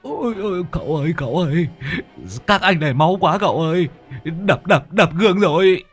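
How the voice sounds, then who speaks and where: A man voicing a brash, boastful young male driver in a storybook reading, with an excitable, stammering way of talking. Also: medium pitch, a little slow, faint music behind, pitched above the performer's own voice, lightly acted. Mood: panicked.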